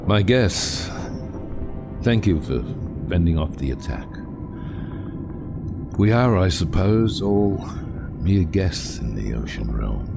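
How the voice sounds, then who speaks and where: An actor playing a brooding, defiant middle-aged submarine captain in a cinematic audio drama, grave, theatrical and deliberate, with loud music under him. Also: male voice, very deep voice, creaky, full character voice. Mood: solemn.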